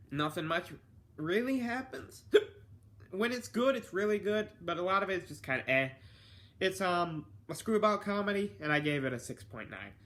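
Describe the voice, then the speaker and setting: A man's voice: fairly high pitch, sharp tone. A young man casually reviewing films one after another, rambling and offhand, with many fillers and self-corrections. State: has hiccups. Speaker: film reviewer.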